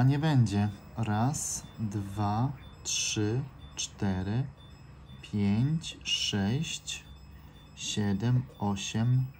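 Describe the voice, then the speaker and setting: A man calmly reading out letters and words one by one as he scratches off lottery cards, indoors by an open window. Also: fairly low pitch. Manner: reads out letters and words one by one in a calm, steady drone. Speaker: scratch-card vlogger. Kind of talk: casual scratch-off commentary. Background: faint noise through an open window.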